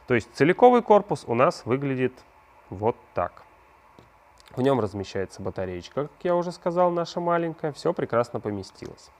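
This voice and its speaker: Medium in pitch and somewhat dark in tone, this man hosts a craft channel and narrates how to make a prop. His explanation is conversational and goes step by step, with questions put to the viewer.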